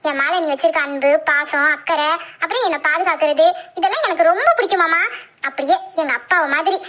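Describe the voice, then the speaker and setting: Someone voicing a very high, quick sweet young girl. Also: sharp tone. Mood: tender. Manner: earnest, fond, giggly. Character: sweet affectionate young girl who adores her uncle. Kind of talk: audio drama acting.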